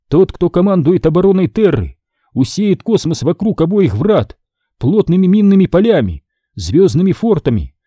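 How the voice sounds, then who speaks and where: Man doing a tense, pleading woman navigator; high, animated, urgent. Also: dry recording, clean studio sound. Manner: urgent, strained, at times shouting. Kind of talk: audiobook character reading.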